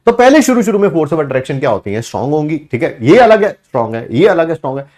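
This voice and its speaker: A man's voice: on the high side, fast talker. A male teacher giving a classroom lecture, joking and quizzing his class. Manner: animated, jokey, asks class questions.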